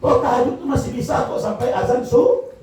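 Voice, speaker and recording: A man giving a religious lecture to parents, lively and jokey, often asking the audience questions. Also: very high-pitched, a little fast. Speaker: preacher. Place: school hall. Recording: echoey hall from far off, faint noise.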